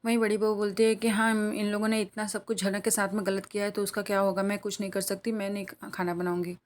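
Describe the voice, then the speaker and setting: A woman rattles through a soap-opera recap at a hurried clip. Her pitch barely moves as she relays each character's lines in the same level voice. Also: little pitch movement. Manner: brisk retelling, reads quoted lines in her own plain voice. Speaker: TV serial recap narrator. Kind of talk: rapid plot-recap narration.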